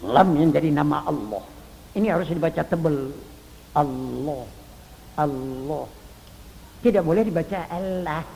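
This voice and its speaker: An older man delivers a Quran exegesis sermon. His voice sits high and grainy with fry. He swings from loud stresses to hushed demonstrations, and the old recording rings with long hall reverb. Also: a little hiss or hum. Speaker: Islamic preacher.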